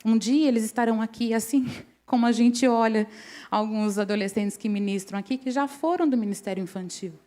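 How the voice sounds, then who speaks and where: A woman's voice: fairly high pitch, fairly quick, dark tone. Middle-aged woman giving a sermon at church, chatty storytelling, keeps asking the crowd "né?". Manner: conversational, often asks the congregation "né?". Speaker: preacher at a women's service. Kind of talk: sermon with personal stories.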